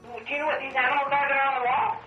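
A woman police officer gently questioning a young child, heard on an old archival interview tape, patient and repeating the child's answers back in simple words. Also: high voice, flat delivery, rapid-fire, faint music behind. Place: interview room. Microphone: room recorder placed far from her. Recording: muffled distant roomy archival tape.

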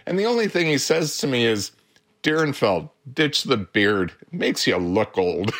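A man's voice: mid-range voice, big pitch swings, normal speed, a bit bright. A man, a therapist guest on a radio show, telling anecdotes with frequent chuckles. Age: 70s. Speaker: therapist and social worker guest. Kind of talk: radio interview, storytelling.

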